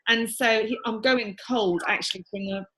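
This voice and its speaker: A woman's voice: fairly high pitch, steady tone, normal speed, a bit bright, slight background noise, low-quality recording. A woman working as a psychic medium, relaying messages in a reading. She talks in an earnest, emotional, chatty way with many restarts.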